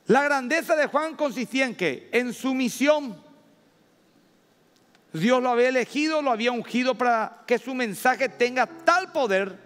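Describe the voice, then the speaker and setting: High-voiced Paraguayan pastor preaching in a hall. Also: male voice. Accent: Paraguayan Spanish. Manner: emphatic preaching with slow drawn-out stresses and sudden loud rises. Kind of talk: sermon. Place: church hall. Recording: long reverb of a church hall.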